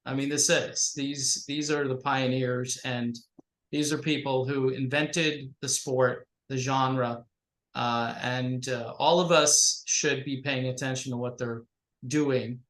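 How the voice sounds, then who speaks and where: A man hosting a casual interview over a thin, tinny microphone with no bass, talking in a rambling, halting way full of fillers. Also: fairly even intonation, a bit bright. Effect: thin tinny microphone sound with no bass. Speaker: interview host. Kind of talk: casual video-call interview. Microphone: home computer microphone. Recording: tinny mic in an echoey room.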